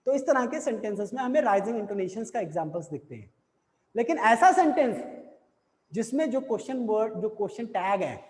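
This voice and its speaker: A man teaching an English intonation lesson, explaining slowly and repeating example sentences over and over. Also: sits high, a little mellow. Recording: echoey room with long reverb.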